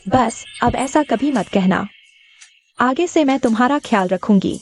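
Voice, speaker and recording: An actress playing a kind young heiress in a dubbed short drama, soft and gentle. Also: female voice, a little high, expressive, measured pace, soft background music. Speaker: rich heiress, female lead.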